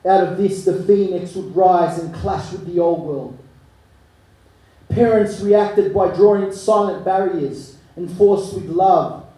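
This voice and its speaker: A man, performing spoken word poetry live with a rhythmic, rhyming delivery that swings between hushed and forceful. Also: high-pitched, slow pace. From Chile. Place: live arts venue. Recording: echoey room, mic from far off.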